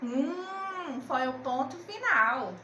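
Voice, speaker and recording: Lady teacher, high voice, slow and coaxing, echoey room. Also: very animated, fairly bright tone, a little hiss or hum. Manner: slow, coaxing, asks and answers her own questions. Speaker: primary school teacher. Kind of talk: remote literacy lesson.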